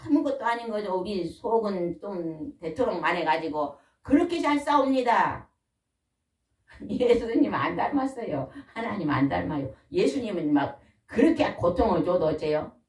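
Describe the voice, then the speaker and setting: Lively older woman preaching. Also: medium pitch, normal speed. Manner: folksy, animated, asks the congregation questions. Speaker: pastor's wife preaching. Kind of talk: sermon. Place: church hall. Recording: echoey room, mic at a distance.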